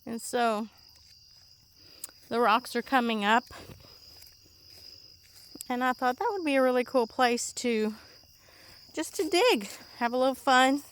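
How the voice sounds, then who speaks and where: Woman, casual vlog host, upbeat rambling chat outdoors, slightly breathless, pitched a little high. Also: lively intonation, takes it slowly, long pauses, slight background noise. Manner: chatty, rambling, easily amused. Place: outdoors in a rural horse pasture.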